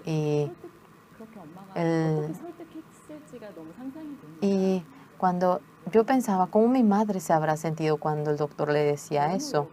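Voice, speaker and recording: A woman telling her own life story as a personal testimony, in an earnest, measured way. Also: deep voice, dark tone. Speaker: testimony speaker.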